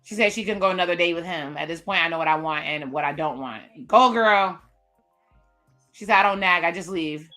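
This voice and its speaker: A woman's voice: sits low, fast talker, hardly any pauses, bright, forceful tone, soft background music. A woman hosting a live reaction stream, casually recapping and commenting on a dating show. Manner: casual, recaps what cast members say, chatty asides. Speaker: reaction video host.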